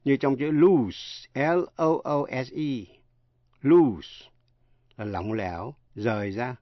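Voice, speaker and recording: A man teaching English pronunciation in a radio lesson, spelling words out letter by letter with slow, careful delivery. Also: medium pitch, lively intonation, no room sound, muffled recording.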